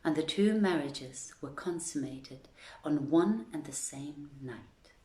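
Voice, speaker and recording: Hosting a story reading online, she addresses her listeners and reads literary tales to them. Her voice sits low and sounds warm, her pace is slow, and the recording has a roomy quality.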